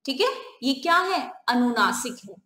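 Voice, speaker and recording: A woman teacher giving a grammar lesson, asking questions and answering them herself, and slowly repeating the key terms. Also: high voice, big pitch swings, pushed and bright, roomy sound.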